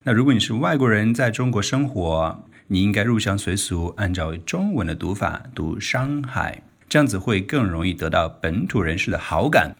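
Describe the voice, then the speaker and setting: A man with a very low voice hosts a relaxed pronunciation lesson. He chats along easily and laughs now and then. He slows right down whenever he demonstrates how a word sounds. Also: slightly rough. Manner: chatty, laughs often, slows down to demonstrate words. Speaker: pronunciation teacher, podcast host. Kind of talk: casual teaching podcast.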